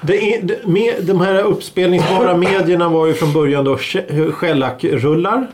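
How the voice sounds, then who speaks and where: Chatty middle-aged man, slightly high voice. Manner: chatty, explains at length with restarts. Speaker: podcast co-host. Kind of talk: casual chat.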